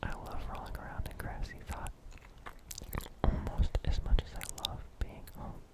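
A young man telling a bedtime-style story as ASMR, in a hushed, deliberate whisper close to the microphone. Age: young adult. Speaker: ASMR host. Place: small dim room indoors. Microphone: close desktop condenser microphone.

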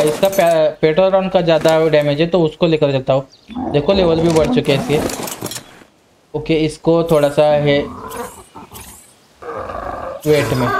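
A man's voice: a little high, noisy background. A young man hosting a gaming channel, giving casual gameplay commentary and breaking into panicked yelps when attacked. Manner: excited, yelps in sudden panic.

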